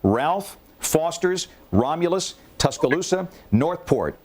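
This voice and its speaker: A man's voice: fairly high pitch, big pitch swings, darkish tone, slightly rough. Urgent male TV weather anchor. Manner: urgent, deliberate, repeating key warnings. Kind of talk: live severe weather coverage.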